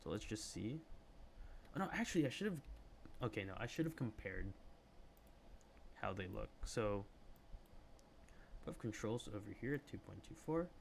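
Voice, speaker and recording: A man hosts a casual live trading stream with a fairly low voice. He talks through price levels loosely, then jumps up in pitch when he reacts to his chat. A faint hum sits behind him. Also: normal speed, gravelly, pauses often. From Philippines. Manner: chatty, reacts to chat with excited bursts. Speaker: livestream trading host. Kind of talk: casual live chart analysis.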